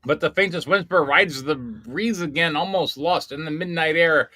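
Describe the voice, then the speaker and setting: Guy reading script action lines out loud, bright dramatic voice, close dry sound. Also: fairly high pitch, moderate pace, no echo. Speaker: script reader at a workshop. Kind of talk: reading screenplay action lines aloud, with casual chat.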